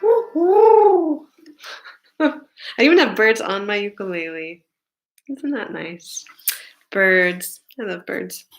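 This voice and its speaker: A singer-songwriter woman sings gently at home with her ukulele, then talks earnestly about the song. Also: mid-range voice, animated, takes it slowly, long pauses, rough recording. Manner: gentle, earnest, many fillers when talking. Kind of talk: singing with ukulele, then casual talk. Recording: ukulele playing loudly behind her.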